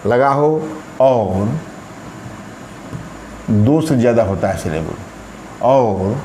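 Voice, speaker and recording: A man teaching an English grammar lesson in Hindi, speaking slowly and repeating words while he writes them out. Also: mid-range voice, expressive, warm tone. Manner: slow, drawn-out, repeats words while writing on a board. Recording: echoey room, faint background noise.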